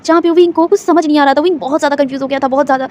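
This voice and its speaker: A woman retells a fan story in a loose, conversational style. She repeats herself often and leans on fillers. Her voice is high and she moves quickly. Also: fairly even intonation, a little mellow. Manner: filler-heavy, repeats words. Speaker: fanfiction storyteller. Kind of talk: casual story narration.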